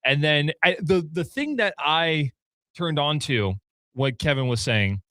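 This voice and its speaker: A man's voice: fairly high pitch, lively intonation, unhurried, bright, forceful tone, no echo. A man chatting enthusiastically in a radio studio, rambling a little as he talks. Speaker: radio producer. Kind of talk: casual studio chat.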